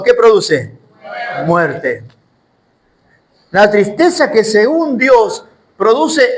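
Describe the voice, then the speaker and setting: A man's voice: high-pitched, slight background noise, poor audio. A man teaching the Bible in a sermon, emphatic and full of rhetorical questions.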